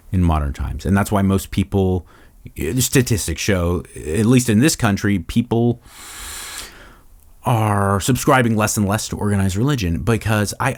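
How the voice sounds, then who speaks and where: Hosting a loose Q&A show, this middle-aged LA man rambles, curses openly and keeps restarting his sentences. He speaks in a lowish, slightly mellow voice.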